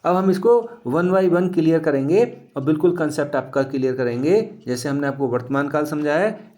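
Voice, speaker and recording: A man teaching a grammar lesson to children. His voice sits a little high for a man. He explains each point step by step and keeps asking quick questions back to his students. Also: darkish tone.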